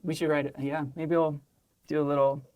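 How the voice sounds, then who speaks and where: Laughing, excitable middle-aged man. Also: fairly high pitch, fairly quick, clean tone, muffled recording. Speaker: podcast host. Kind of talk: casual chat.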